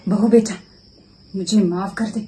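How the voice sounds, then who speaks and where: A woman's voice: mid-range voice, steady tone, a little slow, warm tone, a little hiss or hum, lightly acted, poor audio. A woman playing a stubborn mother-in-law. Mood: remorseful. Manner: long rambling complaints, stammers when guilty. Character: stubborn, hot-tempered older mother-in-law. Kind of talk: short family skit acting.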